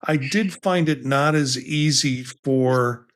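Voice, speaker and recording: A man's voice: medium pitch, takes it slowly. A man co-hosting a casual tech podcast, talking in a rambling way with many restarts and asides. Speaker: podcast co-host.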